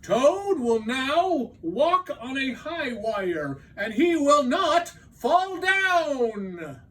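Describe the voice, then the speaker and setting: A man's voice: very high-pitched, sing-song, extremely slow, fairly bright tone, far from the mic, voice pushed up, full character voice. A man voicing a strange, pompous stage announcer in a storybook, proclaiming grandly and stretching out each word.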